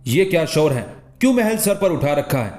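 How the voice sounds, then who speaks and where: A man reading an audiobook, voicing an angry male governor who shouts and scolds. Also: fairly high pitch, normal speed, close to an everyday voice. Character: hot-tempered male provincial governor. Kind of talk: audiobook character voice.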